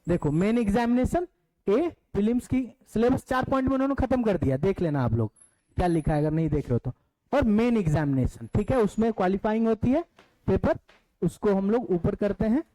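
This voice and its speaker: A man's voice: sits high, lively intonation, mellow, rough recording. A man with an Indian accent teaching an online demo class, explaining step by step and asking the class questions. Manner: reads syllabus points aloud slowly in English.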